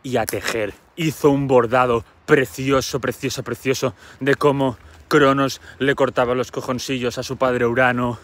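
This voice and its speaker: A man retells a myth in a chatty, slangy way. He is playfully dramatic, in a mid-pitched voice. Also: level tone, moderate pace. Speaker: storyteller. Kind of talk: comic myth storytelling.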